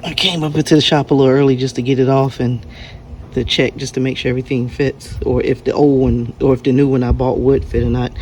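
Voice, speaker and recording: A man's voice: mid-range voice, level tone, fast, a little mellow. A man giving casual, plain-spoken narration of his own car repair, explaining it step by step as he works. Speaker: DIY car repair vlogger. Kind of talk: casual hands-on narration to camera. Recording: noisy workshop with vehicle-like background noise.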